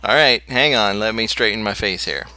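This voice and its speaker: A man's voice: fairly low pitch, normal speed, bright, forceful tone. A man chatting casually with friends while streaming a game, sarcastic and joking. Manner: playful, sarcastic. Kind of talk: casual gaming chat.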